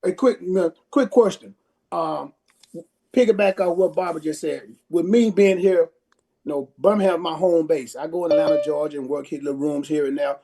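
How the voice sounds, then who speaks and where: A comedian and promoter speaking earnestly in a panel discussion. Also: male voice, on the high side, moderate pace, mellow. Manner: earnest, emphatic.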